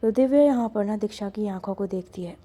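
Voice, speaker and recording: A woman voicing an excitable, cheeky young woman who talks in a lively, teasing way with loud exclamations, in a storybook reading. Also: mid-range voice, fast talker, close to an everyday voice. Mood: worried.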